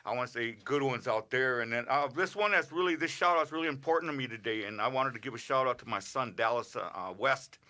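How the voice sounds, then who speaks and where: A middle-aged man on a radio show, rambling casually through birthday shout-outs with lots of filler sounds. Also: mid-range voice, quick pace, few pauses. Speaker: regular radio segment host. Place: radio studio.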